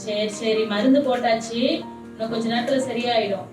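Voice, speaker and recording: A woman voicing a caring mother in a church puppet show, talking gently and comfortingly. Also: on the high side, fairly even intonation, a little fast, lightly acted. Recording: echoey hall, distant mic, music.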